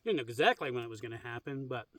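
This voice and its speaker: An easygoing man talks through his outdoor camp dinner, rambling with fillers. He records on a phone camera in the open air. His voice sits a bit distant from the mic, at an average pitch for a man. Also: animated, rapid-fire, a bit bright, no room sound. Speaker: vlogger. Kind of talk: casual camping vlog. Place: outdoors at a campsite on a cliff edge.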